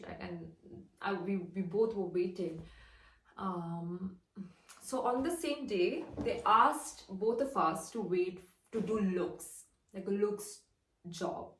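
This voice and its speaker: A young woman in her twenties from India, with an Indian English accent, chatting casually as she tells a story and acts out the dialogue. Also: lowish voice. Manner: chatty, retells dialogue with "I'm like". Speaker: fashion model. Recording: roomy, distant mic.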